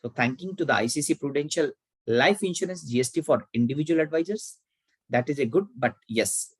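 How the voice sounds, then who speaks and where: Lively Indian-accented man teaching tax. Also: a little high, breathy edge, no room sound, rough recording. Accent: Indian English. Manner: asks and answers own questions, repeats key points. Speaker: tax educator. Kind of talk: online tax lecture.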